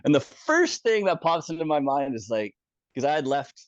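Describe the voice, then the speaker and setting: A man casually recounting his own experience as a guest, animated and swearing freely, with chuckles along the way. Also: fairly high pitch, normal speed, no echo. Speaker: former community moderator telling his story. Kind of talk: casual first-person storytelling. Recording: dull, dry, somewhat lo-fi sound.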